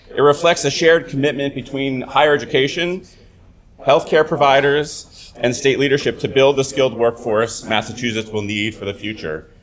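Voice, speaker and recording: A man, a university dean, delivering a prepared formal speech at a ceremony, often halting with uh fillers. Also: mid-range voice.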